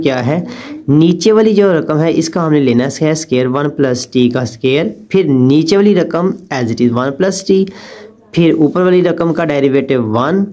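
A man's voice: fairly high pitch, mellow. A young man, a math lecturer explaining proofs step by step and speaking directly to his students. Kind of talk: recorded online lecture.

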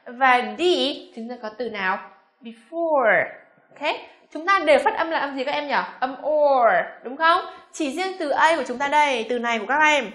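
A young woman with a Vietnamese accent teaching English pronunciation, coaxing and slowly repeating each word with frequent check questions. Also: high voice, a bit bright, echoey room. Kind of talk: classroom pronunciation lesson.

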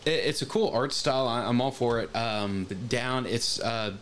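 A man's voice: mid-range voice, moderate pace, a bit bright, a little hiss or hum. A man on a webcam stream reacting to a games showcase in casual, hesitant talk full of fillers and restarts. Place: home room, seated at webcam.

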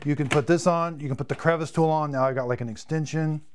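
This fast-talking man in his fifties has a slightly high, steady voice with a little hiss or hum in the audio. He's a chatty, excited product reviewer live-streaming cleaning gear demos, repeating words and losing his voice, from a home studio room shelved with vacuums.

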